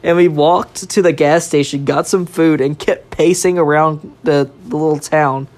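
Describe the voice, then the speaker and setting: A young adult podcast storyteller, animated and loose, dropping swear words and laughing along. The voice is mid-pitched, and the delivery is casual chat. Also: normal speed. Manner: animated, swears freely, laughs while telling.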